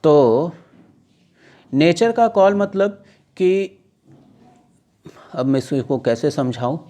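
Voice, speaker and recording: A man teaches English vocabulary to exam students, reading news lines slowly and then explaining them conversationally with checking questions. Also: fairly high pitch, lively intonation, mellow. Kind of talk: casual classroom-style lesson, mixing Hindi and English.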